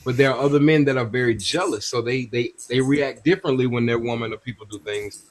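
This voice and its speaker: A man's voice: mid-range voice, fast talker. A man hosting a casual group chat over a video call, slangy and playful, laughing often as he pushes back. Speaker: live stream host.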